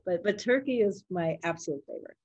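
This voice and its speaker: An older woman, a grandmother and doctor of Puerto Rican background who grew up speaking Spanish and English, casually answers interview questions using simple, encouraging words meant for children. Her voice is fairly low, lively and quick, a little mellow with a breathy edge. The audio is lo-fi with no echo.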